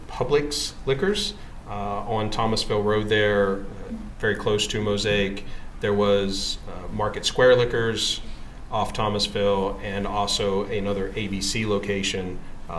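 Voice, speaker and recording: A man giving formal, matter-of-fact testimony as a witness, walking through records slide by slide in a measured way. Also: lowish voice. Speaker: witness presenting records in court. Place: courtroom. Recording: echoey room with background noise.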